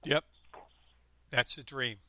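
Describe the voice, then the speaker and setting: A man's voice: mid-range voice, fairly even intonation, slow pace, pushed and bright, no echo. A man in his fifties hosting a podcast, chatting casually and rambling with frequent restarts. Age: 50s. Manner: rambling, upbeat, self-interrupting. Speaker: podcast host. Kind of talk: casual chat.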